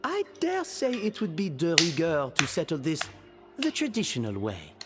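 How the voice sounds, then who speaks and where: A man's voice: fairly high pitch, huge pitch swings, normal speed, long reverb tail, loud music behind the voice. An actor playing a courtly male restaurant patron with a French accent and a theatrical, flamboyant manner.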